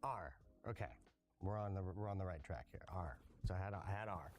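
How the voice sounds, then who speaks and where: A man's voice: low-pitched, a little fast, faint music behind. A man who does magic and comedy, chatting as a guest in an easygoing way, often thinking aloud. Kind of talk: casual chat.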